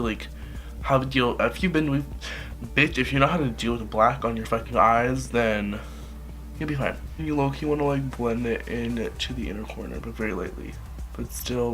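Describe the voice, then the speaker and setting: This young makeup vlogger has a cold, so his mid-range, a bit bright voice comes out stuffy and nasal as he talks to camera through a tutorial. His chatter rambles, with lots of swearing and a steady stream of "like."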